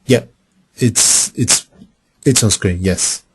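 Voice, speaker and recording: Low-voiced man hosting a webinar. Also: very noisy. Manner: halting, with fillers and repeated starts. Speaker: webinar host. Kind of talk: introducing and moderating a webinar. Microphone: computer mic on an online call.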